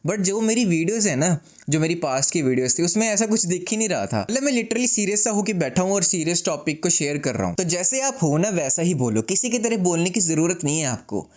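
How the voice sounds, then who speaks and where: A man in a casual advice vlog with a slightly high voice. He talks at a slow, composed, deliberate pace with clear pauses and slips English phrases in. He drops in wry, self-deprecating asides. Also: sing-song, a little mellow. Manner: mixes English phrases into Hindi. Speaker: YouTuber. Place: seated indoors.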